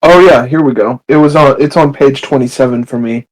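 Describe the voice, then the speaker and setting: A man at an online book club, softly mumbling to himself while searching his pages. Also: mid-range voice, a little fast. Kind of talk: casual book club chat.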